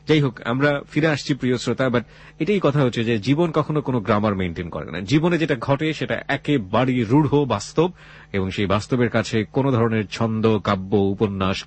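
A man with a Bangladeshi accent and a husky voice hosting a late-night life-story radio show, deliberate and philosophical, slipping in English phrases. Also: mid-range voice. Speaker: radio host.

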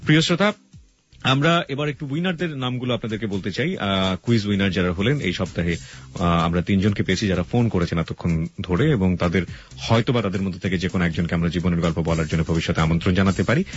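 A man's voice: deep voice, quick pace, slight background noise. A man with a Bangladeshi accent hosting a radio show, explaining things directly to listeners. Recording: dull lo-fi radio broadcast sound.

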